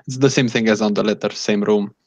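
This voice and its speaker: A man improvising narration as game master of a tabletop game, haltingly, searching for words. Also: fairly low pitch, steady tone, darkish tone, a little hiss or hum. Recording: echoey room, dull lo-fi sound.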